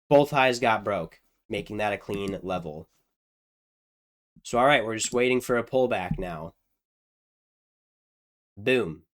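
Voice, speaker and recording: A young man narrates his own screen recording in an easygoing, conversational way. He thinks out loud, restarts his sentences and pokes fun at his own slip-ups. His voice sits at an ordinary pitch and sounds smooth and clean. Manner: casual, self-deprecating, thinks aloud with restarts. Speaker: trading video host. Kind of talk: screen-share chart walkthrough.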